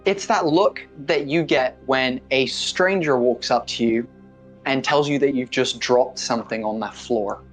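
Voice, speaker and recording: A man's voice: mid-range voice, a little slow, soft background music. Casual male game master. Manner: casual, descriptive, with fillers. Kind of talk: narrating a tabletop game.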